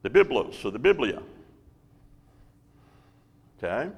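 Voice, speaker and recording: A man's voice: mid-range voice, big pitch swings, gravelly, breathy edge, long reverb tail, muffled recording. A man teaching a Bible lesson, checking in with the class by asking "right?" and "okay?". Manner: slow, with frequent "right?" and "okay?" check-ins.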